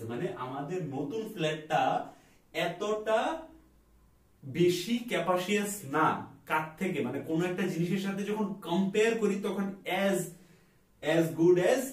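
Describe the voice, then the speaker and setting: Man, English lesson, higher voice, roomy echo, a bit off-mic. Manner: slow, deliberate reading of English example sentences. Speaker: English teacher. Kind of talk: vocabulary lesson. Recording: echoey room, voice a bit far from the mic.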